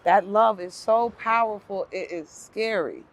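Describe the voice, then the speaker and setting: A woman's voice: mid-range voice, a little slow. A middle-aged woman talking openly and emotionally as an interview guest, chatting on a porch outdoors. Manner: emotional, talkative, laughs often. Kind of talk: casual outdoor conversation.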